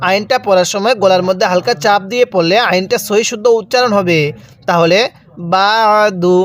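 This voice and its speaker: High-pitched Bangladeshi man teaching recitation. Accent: Bangladeshi Bengali. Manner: slow, drawn-out letter-by-letter recitation. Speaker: Quran reading teacher. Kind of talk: spoken tutorial.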